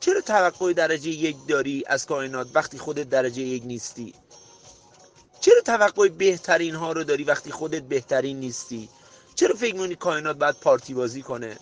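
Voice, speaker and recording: A man hosting a motivational podcast, preaching emphatically to his listener and rising to near-shouts. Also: a little high, soft background music. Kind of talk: motivational monologue.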